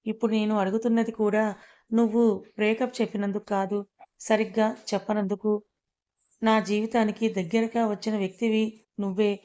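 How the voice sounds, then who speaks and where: A woman's voice: mid-range voice, mellow, close to an everyday voice. A stern, wounded young man speaks in curt, blunt lines, as a woman narrator puts him on. The delivery stays level, with little rise and fall. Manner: curt, scolding, then pained.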